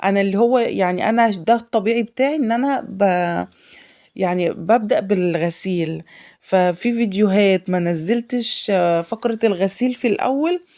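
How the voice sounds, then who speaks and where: A woman's voice: medium pitch, a little fast, warm tone. A woman with an Egyptian accent and a sore throat, chatting effusively at home in a casual vlog and piling up thanks and oaths. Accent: Egyptian Arabic. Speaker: homemaker vlogger.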